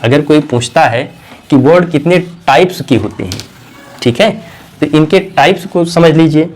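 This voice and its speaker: Male teacher, a bit high-pitched, quizzes and repeats, throat-clearing habit. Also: animated, moderate pace, a little mellow, slight background noise. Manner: asks questions and answers them himself, repeats key words; clears his throat now and then. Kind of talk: classroom grammar lesson.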